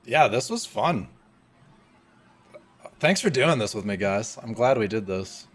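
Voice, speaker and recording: A man's voice: mid-range voice, big pitch swings, measured pace. A young man hosting a live coding stream, chatting casually, thinking aloud and laughing often.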